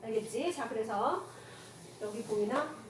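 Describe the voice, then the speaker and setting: A woman teaching a classroom grammar lecture, firing quick rhetorical questions at her students and mixing casual with polite speech. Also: a little high. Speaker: Korean language teacher. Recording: echoey room from far off, noisy.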